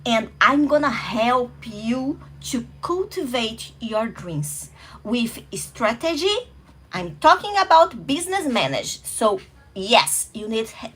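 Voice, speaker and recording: Her voice is on the high side with a fairly bright tone as she hosts a motivational talk. Brazilian and a native Portuguese speaker with a matching accent, she sounds earnest and welcoming and at times hunts for English words.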